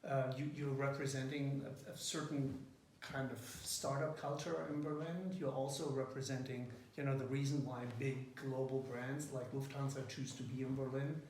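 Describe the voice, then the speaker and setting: A man with a slightly mellow, mid-range voice and fairly even intonation speaks at normal speed with hardly any pauses, though hesitantly and full of fillers. As the interviewer heading a student group, he casually presents an interview project to a company team. He's recorded far from the mic in an echoey room with faint noise.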